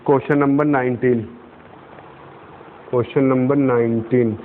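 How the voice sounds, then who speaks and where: A young man stands at a whiteboard teaching physics, walking through each step and asking his students questions. His mid-range voice is steady and a little slow, with a faint hiss or hum behind it. The recording has a tinny, lo-fi quality, like a phone.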